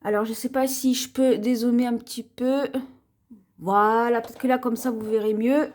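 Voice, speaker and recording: A woman's voice: a little high, fairly even intonation, a little mellow. A woman presenting her shopping haul to viewers in a chatty show-and-tell vlog. She keeps pointing things out and sometimes stumbles over words. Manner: slow, chatty, points things out to viewers, often repeats "voyez"; trips over words and restarts names. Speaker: haul vlogger.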